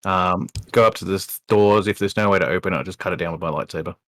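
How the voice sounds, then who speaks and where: A man's voice: low voice, fairly even intonation, fast, fairly bright tone, no echo. A man chatting casually as a player in a tabletop role-playing game, saying what his character does.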